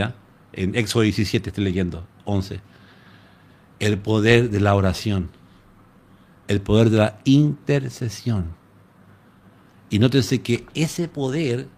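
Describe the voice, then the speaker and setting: A pastor from Chile with a Chilean Spanish accent, preaching a live-streamed sermon in an animated storytelling manner. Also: male voice, mid-range voice. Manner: animated storytelling, addresses listeners as "hermano".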